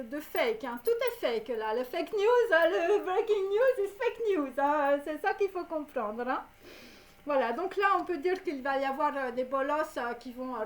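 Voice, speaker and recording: A woman reads tarot cards in a loose, rambling way. Her voice sits high, and her talk is full of fillers and little tags at the ends of lines. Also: a bit bright. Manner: rambling, many fillers and "hein". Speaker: tarot card reader. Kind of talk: casual tarot reading to camera.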